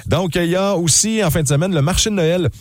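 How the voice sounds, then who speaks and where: A man's voice: high-pitched, fast talker, no room sound. A man with a Québécois accent talks through local news headlines on radio. He rambles loosely, with many restarts. His voice sounds dry and close in the studio. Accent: Québécois French. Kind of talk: casual news chat on radio.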